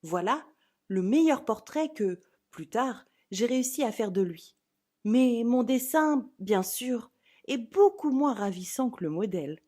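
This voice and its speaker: Woman reading a story out loud, kinda high husky voice, very theatrical and dramatic narration. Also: animated, unhurried.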